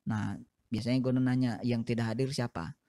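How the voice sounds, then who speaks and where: A man's voice: mid-range voice, fairly even intonation, fairly quick, warm tone. A man teaching English to young students, patiently repeating each phrase twice and explaining it step by step. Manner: explains patiently in short steps. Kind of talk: recorded classroom lesson for seventh graders.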